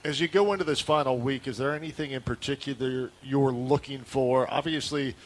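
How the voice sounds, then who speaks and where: A man hosting a sports radio show, asking questions and reading promos with a smooth announcer delivery. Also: mid-range voice, steady tone, a little fast.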